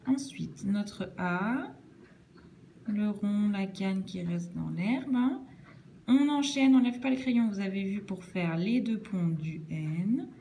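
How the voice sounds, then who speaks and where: A woman teacher walks young children through cursive handwriting, one stroke at a time. Her voice is mellow and unhurried, with a patient, instructive manner. A faint hiss sits under the recording. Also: medium pitch, animated, gravelly. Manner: slow, patient step-by-step explaining.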